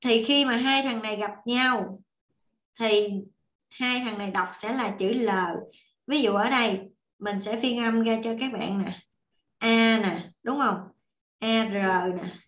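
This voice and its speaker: A woman's voice: fairly high pitch, unhurried, fairly bright tone, reverberant. A woman teaching an online Korean class, explaining patiently and repeating examples as she writes. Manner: patient, repeats and demonstrates while writing.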